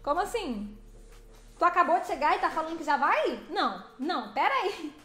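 A woman's voice: very high voice, big pitch swings, a little fast, bright, forceful tone, echoey room. A woman chatting casually on a livestream while driving, playfully greeting viewers by name. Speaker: livestreaming truck driver. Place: vehicle cab while driving.

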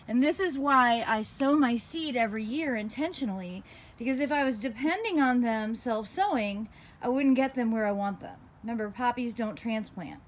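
A woman chatting casually and laughing easily as she walks through her outdoor garden, filming on a phone. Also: fairly high pitch. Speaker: gardening vlogger.

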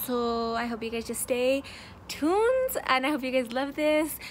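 A woman's voice: high-pitched, very animated, measured pace. A young woman vlogging in a chatty, upbeat way to her viewers, dropping in Spanish words, recorded at an airport and on a plane. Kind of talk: casual vlog talk to camera. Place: airport and airplane cabin. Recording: loud background noise.

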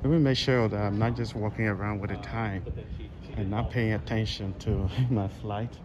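A man's voice: fairly low pitch, steady tone, moderate pace, dull audio. A middle-aged man narrating a casual walking vlog in a rambling, repetitive way into a handheld phone. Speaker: travel vlogger. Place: large indoor airport terminal. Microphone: phone held at arm's length. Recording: noisy airport terminal ambience. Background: clear terminal ambience noise.

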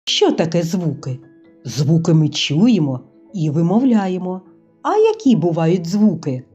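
Woman teacher, slow patient sing-song delivery, mellow husky voice, dull lo-fi recording with faint music. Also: lowish voice, very animated. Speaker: kindergarten teacher. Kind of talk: scripted phonics lesson for young children.

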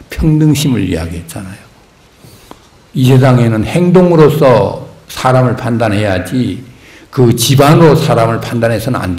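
Lower-voiced monk preaching in echoey hall. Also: male voice, darkish tone. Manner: conversational preaching with rhetorical questions, acting out quoted speech. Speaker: Buddhist monk giving a dharma talk. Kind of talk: sermon. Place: temple hall.

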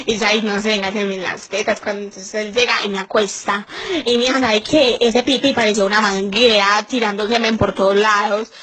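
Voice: medium pitch, fairly bright tone, slight background noise, lightly acted, poor audio. A performer playing a crude, chatty young Colombian woman with a Paisa accent, confiding a story with dramatic exclamations in a comic monologue.

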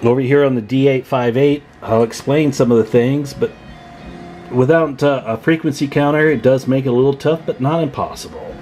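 At an indoor workbench, a radio repair hobbyist hosts a casual hands-on video tutorial, explaining informally step by step. His mid-range voice is a little mellow and moves at a normal speed, with soft background music.

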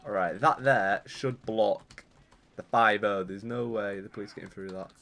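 A man's voice: on the low side, normal speed. A young man giving casual, rambling commentary while playing a video game. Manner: chatty, rambling, excitable when things go wrong. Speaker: gaming YouTuber.

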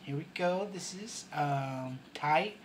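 A man's voice: a little high, takes it slowly. Crude joking man outdoors, noisy. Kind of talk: casual banter among friends. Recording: clear outdoor noise.

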